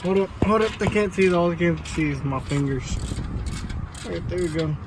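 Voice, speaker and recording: Higher-voiced frat-bro guy, very noisy recording. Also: normal speed. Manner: teasing frat-bro talk, slangy and sweary. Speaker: friend helping film a car vlog. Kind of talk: casual banter. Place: at a car. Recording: loud car and tool noise, handheld camera.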